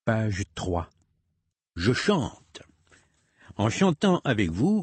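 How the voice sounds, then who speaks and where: A man reads aloud at an unhurried pace, his husky voice swinging widely and playfully in pitch. He breaks into a children's rhyme with silly sound effects. The recording is close and dry. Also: no room sound. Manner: slow, lively reading with playful sung sound effects. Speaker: reader of a parents' literacy booklet. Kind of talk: slow read-aloud narration with sung rhyme.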